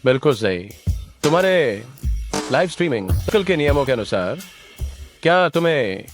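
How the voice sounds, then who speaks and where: A scornful, newly rich young man, voiced by an actor in a dubbed drama. His speech is cutting and contemptuous, with a lively, swinging pitch. Faint background music plays under the dialogue. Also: normal speed.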